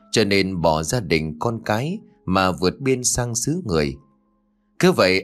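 Man, audiobook narrator, dramatic horror storytelling, deep voice, animated pitch.

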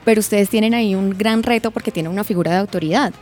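A woman's voice: medium pitch, racing, darkish tone, soft background music. A woman co-hosting a radio interview, framing thoughtful, articulate questions. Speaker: radio co-host.

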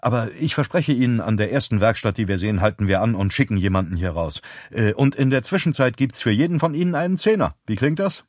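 A man voicing a nervous middle-aged father who talks in a hurried, appeasing way. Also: medium pitch, lively intonation, no echo, clean studio sound, close to an everyday voice.

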